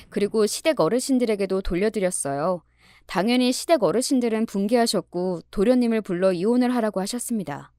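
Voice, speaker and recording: A woman reading a first-person story in a calm, measured and cutting manner. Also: mid-range voice, no room sound, studio quality. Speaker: story narrator.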